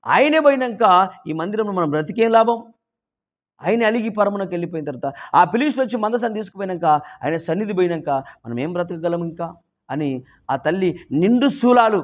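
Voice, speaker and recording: A man preaching a morning devotional sermon with emphatic rhetorical questions, swinging between loud appeals and hushed lines. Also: sits high. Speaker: pastor.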